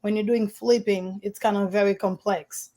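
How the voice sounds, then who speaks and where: A woman's voice: medium pitch, steady tone, moderate pace, dark tone. A woman from Haiti, a realtor guest in an interview, telling her story in an earnest way, with slightly non-standard phrasing. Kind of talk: conversational interview.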